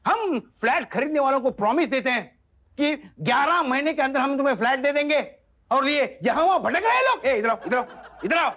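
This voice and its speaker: A man playing a loud, fussy manager who scolds workers in a TV sitcom. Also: very high-pitched, expressive, fairly quick, muffled recording, heavily acted. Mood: scolding. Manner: scolding, shouty. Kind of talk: sitcom acting.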